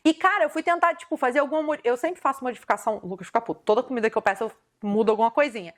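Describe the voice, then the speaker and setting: A woman from Brazil, hosting a casual chat, telling animated, slangy stories and acting out the dialogue. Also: fairly high pitch, rapid-fire. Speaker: host.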